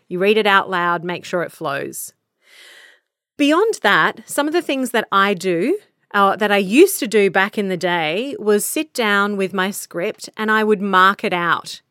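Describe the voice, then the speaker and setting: A woman's voice: mid-range voice, fairly bright tone, dry recording, clean studio sound. An Australian woman hosting a podcast, giving earnest, practical advice on speaking in a conversational teaching style. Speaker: podcast host and voice coach.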